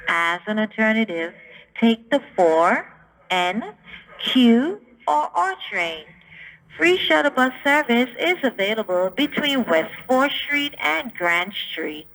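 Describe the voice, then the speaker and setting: A woman reading a formal, deliberate public transit announcement in the manner of an airport announcement. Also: fairly high pitch, animated, a bit bright, poor audio. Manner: formal, scripted, deliberate delivery.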